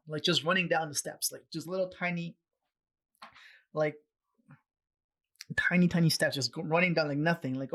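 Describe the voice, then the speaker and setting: A young man from Peru, a podcast guest, casually telling a story and acting out the voices of people he quotes. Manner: animated, acts out quoted voices with raised pitch.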